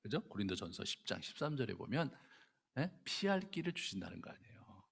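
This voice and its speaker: A man's voice: medium pitch, gravelly. A man pastor preaching at an evening prayer meeting, emphatic and full of rhetorical questions, in a church hall with a long reverb. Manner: emphatic, rhetorical questions, swings between loud and hushed.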